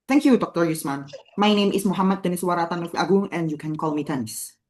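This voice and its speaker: A man's voice: a little high, quick pace. Young Indonesian man, formal applicant in a school interview role-play. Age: young adult. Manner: polite, formal, reads prepared answers. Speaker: student playing a job applicant.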